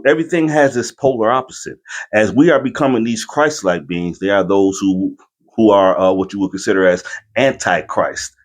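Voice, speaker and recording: A man hosting a reaction video, giving casual spiritual commentary and explaining things familiarly to his viewers. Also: fairly low pitch.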